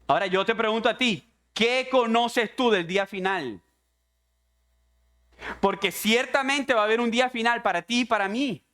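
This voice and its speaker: Impassioned high-voiced man preaching. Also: moderate pace, fairly bright tone. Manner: impassioned preaching, addressing the congregation as brother. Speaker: pastor. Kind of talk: sermon. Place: church.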